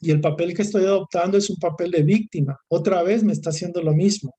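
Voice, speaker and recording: A man's voice: high-pitched, fast talker, dark tone, husky. A man with a Mexican Spanish accent giving a recorded course lecture, talking in a discursive way that repeats, lists and restarts phrases. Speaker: course instructor.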